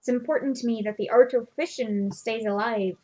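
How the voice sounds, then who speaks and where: Woman voicing a fisherman back from the sea, hearty, shaky accent attempt, higher pitch. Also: mellow, close to an everyday voice, low-quality recording. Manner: hearty sailor greeting, halting attempt at an accent. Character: weathered adult male fisherman back from sea. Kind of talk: voicing game dialogue aloud.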